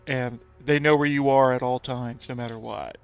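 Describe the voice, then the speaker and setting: A man's voice: medium pitch, gravelly, clear, resonant tone, no room sound, muffled recording. A man live-streaming a game, chatting casually to his viewers, rambling and laughing often. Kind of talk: casual live-stream chat while gaming.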